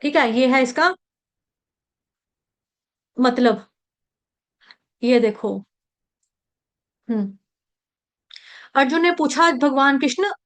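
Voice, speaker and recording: A woman teaching how to pronounce and recite a Sanskrit verse, breaking words into syllables and explaining their meaning patiently. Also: fairly high pitch.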